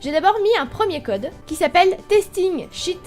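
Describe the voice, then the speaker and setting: A woman's voice: very high-pitched, expressive, moderate pace, a little mellow, faint music behind. A young woman talking casually, explaining a video game step by step like a tutorial. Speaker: gaming YouTuber.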